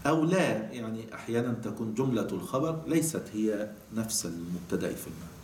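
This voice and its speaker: Speaking with an Egyptian Arabic accent, a man teaches a classical grammar text, explaining patiently, reading quotations slowly and answering his own questions. His voice is lowish and darkish with lively intonation. It comes from a distance in an echoey room with faint noise.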